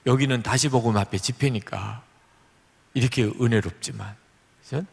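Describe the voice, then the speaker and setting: In a large church hall full of long reverb, a middle-aged man preaches at a normal speed in a gravelly, husky voice. He narrates a story and plays out its conversations, moving his pitch up and down for the different voices.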